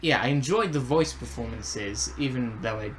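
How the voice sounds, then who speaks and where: A young adult man co-hosts a podcast review, chatting casually from his bedroom and groping for the right words as he goes. His voice is medium in pitch and pace, and the home recording picks up a lot of room noise.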